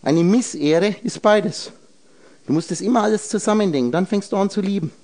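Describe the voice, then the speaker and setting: Here the speaker's voice sits high and sounds warm, moving at a fairly quick pace. He addresses a group on esoteric ideas in a rambling way, splitting words into letters and numbers and quizzing his listeners directly.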